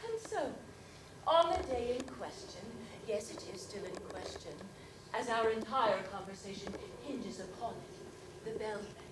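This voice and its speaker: Playing a prim, giggly old widow in a comic monologue, this woman uses refined, mannered speech and laughs often. Her voice is slightly high, expressive and unhurried, recorded in a roomy space from a distance with noise in the background.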